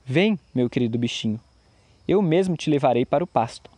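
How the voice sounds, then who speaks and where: A man voicing an older, hot-tempered tailor who shouts indignantly. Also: medium pitch, animated, a little fast, no room sound, lightly acted. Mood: coaxing.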